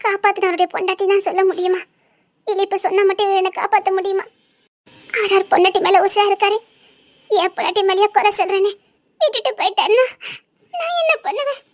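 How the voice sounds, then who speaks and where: A woman's voice: extremely high pitch, quick pace, long pauses. A woman voicing a frightened young woman on the run in an audio drama, speaking with a Tirunelveli Tamil accent in an anxious, pleading way that often sounds close to tears. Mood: tearful.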